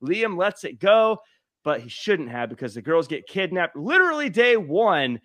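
A man hosts a casual movie review podcast, telling the story with lively swings in pitch and frequent laughing restarts. His voice sits a little high, recorded on a close, dry mic. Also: moderate pace, no room sound. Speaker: podcast host.

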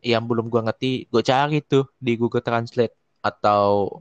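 A man's voice: mid-range voice, fairly even intonation, moderate pace, clear, resonant tone, dry recording. Young man chatting, hesitant and searching. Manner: hesitant, searching for words with many fillers. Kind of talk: casual chat.

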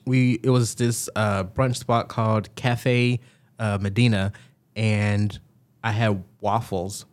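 This young podcast co-host from Georgia has a Southern American accent and a lowish voice, delivered flatly and at a slow pace. Even so, he's a chatty storyteller in casual conversation, leaning often on "likes" and "ums."

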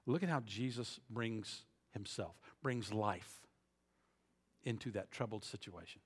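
A man preaching a sermon, moving between quiet reflective passages and loud, emphatic peaks, often repeating words as he stresses a point. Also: lowish voice, measured pace, slightly rough. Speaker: pastor.

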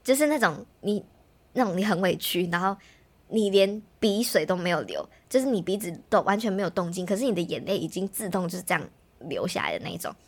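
Fast-talking young woman. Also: on the low side, slightly rough. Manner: fast, animated storytelling, mimics others' voices. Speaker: podcast host. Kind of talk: casual storytelling chat.

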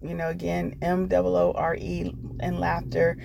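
Here the same kind of off-the-cuff personal tale comes from a guest storyteller, comedian and actress from the Washington D.C. area with an American accent. She speaks at normal speed in a lowish, creaky monotone, earnestly and encouragingly, over a noisy background.

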